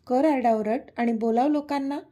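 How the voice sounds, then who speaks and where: A woman's voice: high-pitched, moderate pace, mellow. A woman doing a stubborn teasing young man. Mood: teasing insistent. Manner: teasing, insistent.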